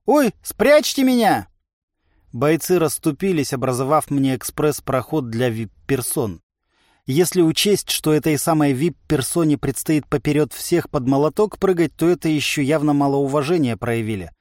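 Чтец-мужчина ведёт рассказ от первого лица с лёгкой насмешкой. Голос чуть выше среднего, запись сухая и студийная. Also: male voice, on the high side, moderate pace, no echo, clean studio sound. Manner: lively, ironic first-person telling. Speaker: audiobook narrator. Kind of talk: scripted audiobook narration.

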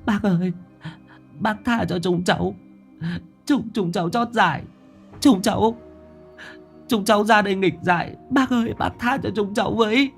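A man's voice: high-pitched, normal speed, vocal fry, pauses often, faint music behind, pitched above the performer's own voice. A man voicing a terrified village boy who stammers and begs. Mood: stammering apology. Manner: stammering, begging.

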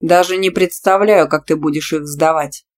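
A woman voicing a self-assured, domineering young male teacher who speaks calmly and growls at times. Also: deep voice, moderate pace, close to an everyday voice. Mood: smug. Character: smug, pushy male teacher, calm and domineering.

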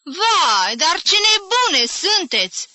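A woman reading aloud, voicing a sharp-tongued, bossy old lady who exclaims pointedly. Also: very high-pitched, sing-song, dry recording, pitched above the performer's own voice, full character voice.

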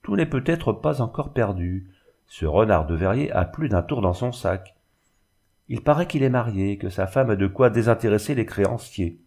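A man's voice: fairly low pitch, animated, normal speed, a little mellow. A man voicing a jovial, gossiping old male peddler with a folksy way of talking, in a storybook reading.

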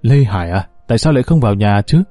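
Man playing a gruff aging father. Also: fairly low pitch, animated, fast talker, dark tone, dry recording, faint music behind, close to an everyday voice. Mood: weary. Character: stern aging company director, a father.

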